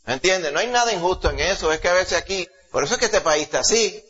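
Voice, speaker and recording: Puerto rican pastor guy preaching hard, highish voice, lo-fi muffled recording. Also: expressive, fast talker. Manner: emphatic, rises to loud exclamations and drops low, asks the congregation questions. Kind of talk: sermon. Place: church service before a congregation. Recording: dull lo-fi recording.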